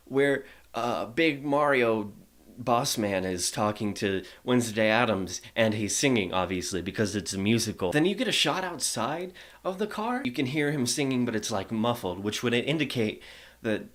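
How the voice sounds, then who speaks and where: A man's voice: medium pitch, lively intonation, normal speed, a bit bright. Drunk, rambling man recapping a story. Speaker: comic storyteller. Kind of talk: casual, rambling comedic film recap.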